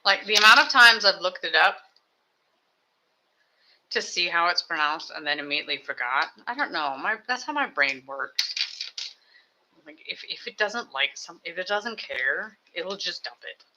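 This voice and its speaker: A live streamer building toy sets at a home desk, rambling casually and thinking out loud with self-mocking asides. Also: medium pitch, animated, normal speed, noisy background. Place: home desk with two computers.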